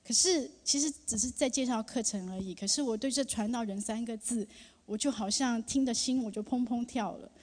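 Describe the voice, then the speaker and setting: A woman in her thirties giving a personal testimony to a church congregation, speaking earnestly with emotion and halting often with fillers. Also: on the high side, a little mellow. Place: church sanctuary. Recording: long reverb of a large hall.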